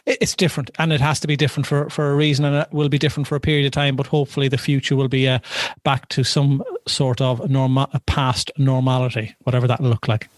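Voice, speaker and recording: Male podcast-style co-host, mid-range voice, dry recording, loose and halting casual talk. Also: medium pitch, level tone, no echo. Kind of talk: casual chat.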